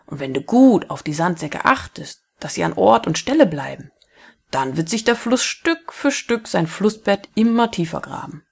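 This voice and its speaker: A woman voicing a patient male geography teacher in a read-aloud story, explaining calmly and firmly with a breathy tone. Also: fairly low pitch, moderate pace, heavily acted.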